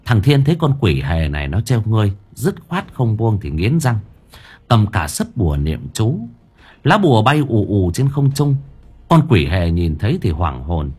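A man reads a story aloud in a low, husky voice that rises and falls with lively energy. His telling is animated and full of colour, carrying the action along. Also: moderate pace. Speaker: audiobook narrator. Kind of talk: storytelling narration.

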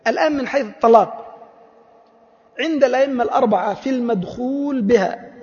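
A man's voice: very high voice, fast, a little mellow. A man teaching a jurisprudence lesson, quizzing his students with rhetorical questions and acting out short dialogues. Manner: acts out quoted dialogues. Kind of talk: classroom lesson. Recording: echoey hall, dull lo-fi audio.

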